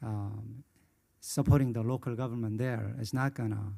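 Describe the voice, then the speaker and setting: Man, panel moderator, from Indonesia, middle pitch, gravelly, hesitant with many fillers. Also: fairly even intonation, moderate pace, dark tone. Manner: hesitant, heavy with filler sounds.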